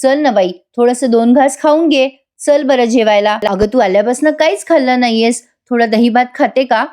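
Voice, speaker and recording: A woman's voice: a little high, normal speed, darkish tone, lightly acted. A woman doing a fussing motherly housewife. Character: caring older housewife, kind sister-in-law.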